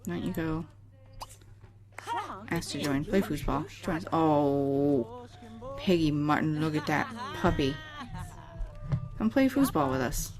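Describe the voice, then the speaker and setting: Low-voiced woman with sarcastic game chatter. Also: takes it slowly, pauses often. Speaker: let's play host. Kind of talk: casual gameplay commentary.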